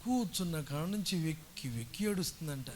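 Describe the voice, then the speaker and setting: A man pastor preaching a sermon, telling stories and building up to loud, forceful exhortation. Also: a little high, animated, fairly quick, a little hiss or hum. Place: church worship service.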